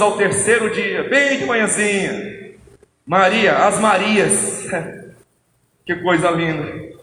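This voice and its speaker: A man preaching a fervent sermon to a church congregation, often shouting. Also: sits high, a little hiss or hum. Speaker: pastor. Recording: echoey church hall, crowd.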